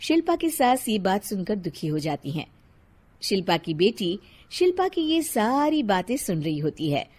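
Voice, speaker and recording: A woman narrating a cartoon moral story in a calm, even voice. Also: mid-range voice, normal speed, slight background noise.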